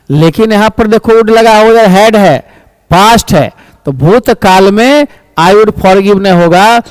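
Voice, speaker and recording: A man teaches English grammar for exams, his voice sitting high. He reads each example sentence out slowly and carefully, then rushes through the explanation. The sound is close and dry, with no room around it. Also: a little mellow, no room sound, poor audio. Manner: addresses students as "my child". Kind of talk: exam-prep grammar lesson.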